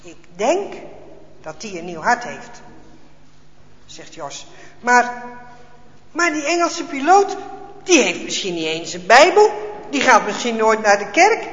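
A man telling a children's Bible story in an expressive, dramatic way, with small hesitations. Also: very high voice, slow, long pauses. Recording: echoey hall, dull lo-fi sound.

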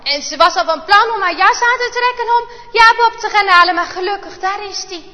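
High-voiced woman telling a children's story. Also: fairly quick, in a large hall, lo-fi sound. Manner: lively storytelling, voices the characters, asks the children questions. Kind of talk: Bible-class children's story narration.

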